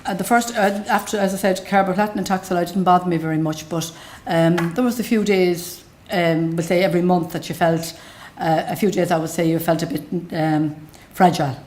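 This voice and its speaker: A woman's voice: on the low side, fairly even intonation, fairly quick, hardly any pauses, a little mellow, a little hiss or hum. A middle-aged woman with a west of Ireland accent giving an unscripted personal account in a plain-spoken, matter-of-fact way. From Galway, west of Ireland. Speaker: patient telling their own story.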